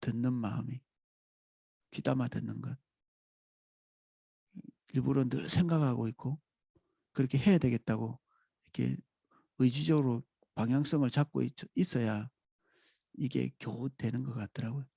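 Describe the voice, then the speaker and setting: A man preaching a dawn sermon as pastor, in a calm, reflective way with pauses. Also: medium pitch, vocal fry, breathy edge, dry recording.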